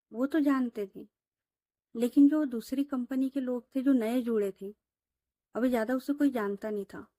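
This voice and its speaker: A woman's voice: fairly high pitch, warm tone, dry recording. A woman storyteller narrating an audio story in a chatty, informal way.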